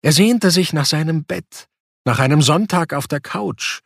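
A man reading a novel aloud as narrator, with expressive storytelling. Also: a little high, a little slow, vocal fry, dry recording, clean studio sound. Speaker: audiobook narrator. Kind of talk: scripted narration.

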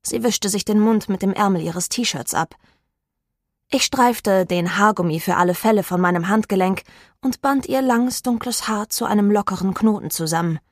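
A woman reading an audiobook in calm, measured narration. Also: mid-range voice, no echo, studio quality. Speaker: audiobook reader. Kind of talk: scripted narration.

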